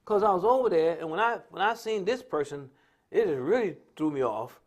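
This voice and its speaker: Brisk and expressive, an American man with a high-sitting voice speaks off the cuff in a preaching style on a religious talk stream. His impromptu social commentary is emphatic and repetitive, told through colloquial stories.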